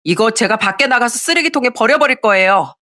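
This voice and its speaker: A woman's voice: fairly high pitch, lively intonation, a little fast, sharp tone, voice pushed up. A woman voicing a blunt eleven-year-old boy. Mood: earnest. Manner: earnest, blunt. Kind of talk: audio story reading.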